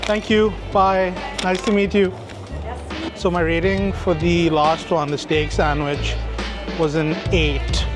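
A man in his thirties from India, casually reviewing sandwiches to camera on an outdoor café terrace, tasting and reacting aloud as he goes. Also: fairly high pitch. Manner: chatty, relaxed, tastes and reacts aloud. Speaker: food vlogger. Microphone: camera-mounted shotgun mic.

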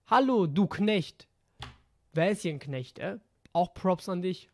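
A man's voice: sits high, animated, a little slow, vocal fry, dry recording. Offhand slangy male gaming vlogger. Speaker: gaming YouTuber. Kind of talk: casual vlog, reading out messages.

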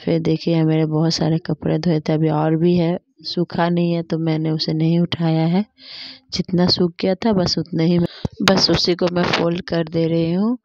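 A woman's voice: deep voice, level tone, moderate pace, darkish tone, no room sound, muffled recording. A young woman narrating her evening routine in a family vlog, walking through each chore step by step. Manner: plain step-by-step narration, repeats "dekhiye". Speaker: family vlogger.

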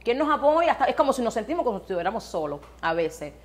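A Cuban woman with a Cuban accent, talking as an interview guest, animated, laughing often and acting out scenes as she tells them. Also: fairly high pitch, fast. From Cuba. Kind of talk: lively casual interview.

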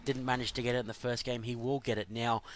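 A man doing fast play-by-play commentary on a video game match, his voice worn from calling, rising sharply when the action heats up. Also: medium pitch, a crowd in the background. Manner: fast, excitable play-by-play with sudden rises. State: losing his voice. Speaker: esports caster.

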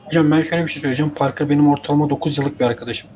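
Dude chiming in on the commentary, talks fast but keeps hesitating, some faint hiss. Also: male voice, a little high, fairly even intonation, darkish tone. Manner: hesitant, fills pauses, polite to co-host. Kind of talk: casual commentary chat.

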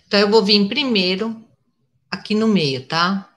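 A woman's voice: mid-range voice, normal speed, a bit bright. A mature woman giving a live makeup tutorial, chatty, constantly checking in with her viewers. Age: older. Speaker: makeup instructor. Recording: echoey room.

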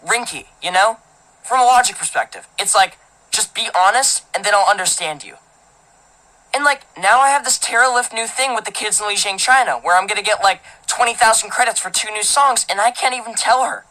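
A woman's voice: medium pitch, expressive, brisk, bright, forceful tone, low-quality recording. A woman narrating a teenage boy's first-person story as an audiobook, in a casual, filler-filled, indignant manner. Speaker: audiobook reader.

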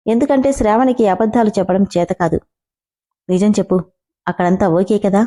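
A serious, worried young husband on the phone in a spoken story, read by a woman narrator. He speaks steadily, in a mellow, darker voice. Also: medium pitch, brisk, lightly acted. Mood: concerned. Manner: serious, concerned.

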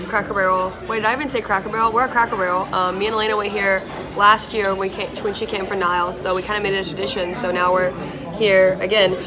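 A young woman vlogging in a casual, excitable way into a handheld camera, talking in a chatty style with lots of "like", outdoors in the city and in a car. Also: mid-range voice, quick pace, a crowd in the background. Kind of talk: casual vlog narration. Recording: loud street and traffic noise.

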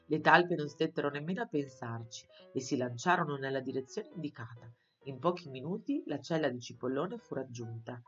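A woman narrates a children's story in a low, expressive voice, taking her time with each scene. The recording is a little dull, with faint instrumental music beneath her reading. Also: brisk. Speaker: audiobook reader for schoolchildren.

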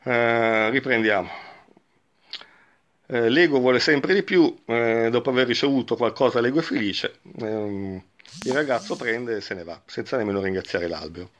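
A spiritual teacher reads a parable aloud as part of a reflective talk, speaking slowly and thoughtfully with frequent pauses. His voice is medium-pitched and a bit bright.

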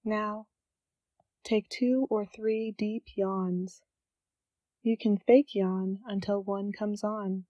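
A woman leads a scripted guided meditation, giving gentle, calm instructions with unhurried pauses. Her voice is medium in pitch, and the sound is lo-fi with no echo.

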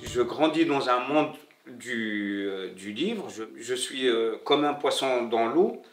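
Soft background music plays as a middle-aged Moroccan man, a bookseller interviewed while seated in a bare-walled indoor room, reflects on his life. His mid-range voice is animated, though he halts, pauses and repeats, searching for words in French, which he learned after moving to France. The audio has roomy echo from a slightly distant mic.

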